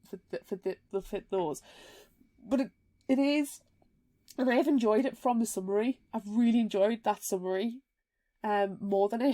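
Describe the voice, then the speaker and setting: A woman's voice: medium pitch, mellow. A woman co-hosting a book podcast in casual chat, talking in an emphatic, heartfelt way with frequent restarts. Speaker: podcast co-host.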